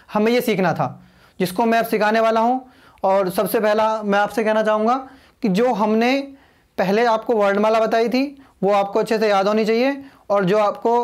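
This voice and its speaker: A man teaching a video lesson, explaining patiently and repeating himself, spelling names out letter by letter. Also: sits high.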